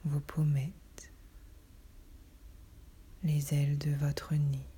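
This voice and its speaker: A woman whispering a guided relaxation in a soft, breathy, soothing voice, with slow delivery and long pauses. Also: low-pitched, little pitch movement.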